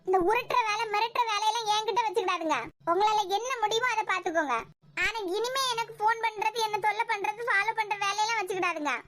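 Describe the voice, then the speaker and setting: A woman plays a firm young woman in a cartoon, speaking in a Kanyakumari Tamil accent. The voice is very high and fast. She is curt and defiant throughout. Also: fairly bright tone. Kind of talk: cartoon web series voicing.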